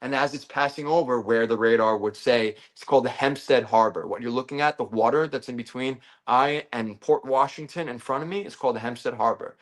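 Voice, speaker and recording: A man, a videographer from Long Island, talking insistently and animatedly as a guest in a casual interview over a video call. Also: mid-range voice. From Long Island, New York. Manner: animated, insistent, talks fast.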